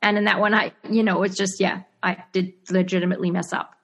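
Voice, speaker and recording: With medium pitch, little pitch movement and a quick pace, a woman answers an interviewer's questions. She's an actress and screenwriter with a Zimbabwean accent whose casual manner is hesitant, full of fillers and restarts, and punctuated by laughter.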